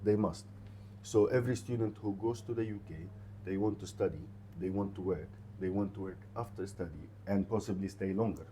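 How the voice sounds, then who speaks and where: Advising students conversationally in an interview, this university representative, a native Arabic speaker, talks in a halting way and repeats brief phrases for emphasis. He has a low, warm voice, and there's slight hiss or hum.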